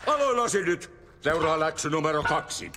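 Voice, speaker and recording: A grave, formal old monster who runs the company and lectures his recruits. The voice is fairly high and lively in pitch, with music playing under it. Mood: lecturing. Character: elderly male monster boss, stern and formal. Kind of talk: animated film dub.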